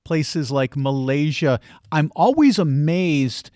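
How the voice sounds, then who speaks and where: Articulate podcast host, dry close sound. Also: male voice, fairly high pitch, expressive, a little mellow, no echo. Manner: friendly, articulate, measured. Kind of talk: podcast interview.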